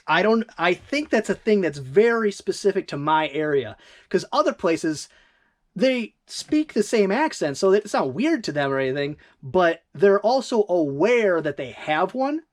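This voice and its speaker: This eBay reseller vlogger talks with a Northern Michigan accent in a very animated, mid-range voice. The chat is casual and rambling, dotted with quick self-corrections, and the speaker comes from Northern Michigan.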